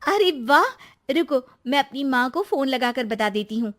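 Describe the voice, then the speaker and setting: A woman's voice: sits high, expressive, normal speed, fairly bright tone. A woman voicing a chatty, bragging young daughter-in-law in a cartoon story. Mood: cheerful.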